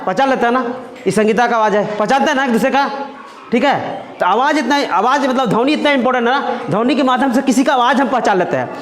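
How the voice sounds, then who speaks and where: A male science teacher talks fast in a very high-pitched voice, with slight background noise and classroom echo. He keeps the lesson conversational, repeating himself and regularly checking in with students by asking "है ना?".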